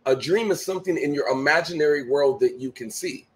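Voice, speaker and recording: This middle-aged guest on a video call from home speaks fairly quickly in a higher-than-average voice. His motivational conversation is emphatic and sermonizing, with key phrases repeated over and over.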